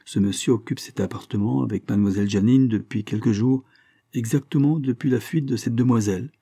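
A man's voice: mid-range voice, a little fast, dark tone, no room sound, studio quality, lightly acted. A man voicing a dogged male police inspector who gives matter-of-fact, precise reports.

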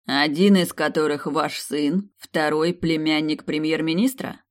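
A man voicing a young male emperor who scolds his ministers with slow, sarcastic rebukes in an audiobook. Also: a little high, steady tone, lightly acted. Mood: cold anger. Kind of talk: audiobook character voice.

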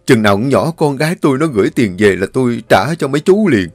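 A man's voice: medium pitch, animated, fast talker, no room sound, natural voice. A man voicing a frightened old man in debt, stammering and pleading fearfully in a storybook reading. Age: older.

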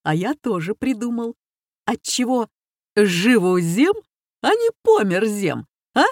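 A woman's voice: medium pitch, very animated, a little mellow, no room sound, studio quality, voice pushed up, full character voice. Lady doing a fawning giggly lodger guy, showy, drawls his words, storybook voice. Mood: delighted. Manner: drawn-out, delighted exclamations.

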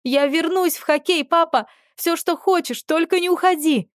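A woman's voice: very high voice, moderate pace, no echo, studio quality, pitched above the performer's own voice. A woman doing a young woman screaming for her father. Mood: desperate shouting. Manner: desperate pleading shouts.

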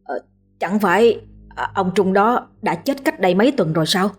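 A woman's voice: medium pitch, normal speed, husky, soft background music, close to an everyday voice. A woman doing a stammering scared young man. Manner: stammering, frightened pleading. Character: panicky young male student, stammering.

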